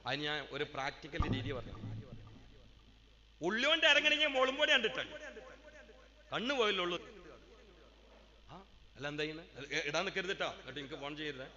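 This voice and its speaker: Man, high voice, preacher, long hall reverb, dull lo-fi sound. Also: sing-song. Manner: swings from chatty asides to loud chanted, drawn-out declamation. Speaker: madrasa preacher. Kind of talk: Islamic sermon.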